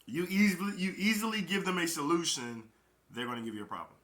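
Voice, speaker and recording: Young guy giving a pep talk, keeps repeating himself for emphasis, kinda high voice, echoey room. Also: very animated, fast, a bit bright. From Chicago, Illinois. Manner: emphatic, repeats key phrases. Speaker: network marketing recruiter. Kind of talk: casual motivational talk. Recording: roomy echo.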